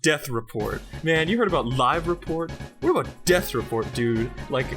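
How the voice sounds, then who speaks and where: A man slips into a breezy young surfer dude, slangy and drawling, pitched a bit higher than a normal speaking voice. The voice swings up and down a lot. Music plays underneath. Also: expressive, moderate pace. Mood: mock-hyped. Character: laid-back young male surfer dude.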